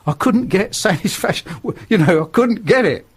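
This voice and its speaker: Older man, northern English accent, earnest emphatic testimony, slightly high voice. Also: lively intonation, moderate pace, breathy edge. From northern England. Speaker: radio guest. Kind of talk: testimony in a radio interview.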